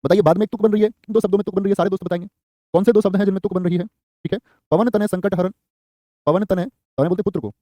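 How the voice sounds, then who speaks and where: His voice is high-pitched, steady in tone, and mellow, captured as a dry, clean studio recording. He's a teacher leading a live online exam-prep class, rapidly dictating key phrases over and over and calling on students by name.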